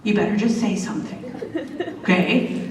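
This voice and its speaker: A woman's voice: mid-range voice, moderate pace. A woman speaks earnestly and directly to a room of students, repeating words for emphasis. Her voice carries through a long, echoey hall and is picked up from a distance, with faint ambient noise behind. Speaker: guest speaker. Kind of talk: motivational talk to students. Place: large school hall.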